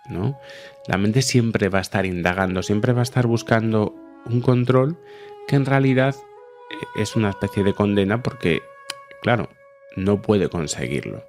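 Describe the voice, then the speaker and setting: A man's voice: on the low side, darkish tone. A man hosting a psychology podcast, explaining in a conversational way and often checking in with the listener. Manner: conversational, frequent tag questions. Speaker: podcast host.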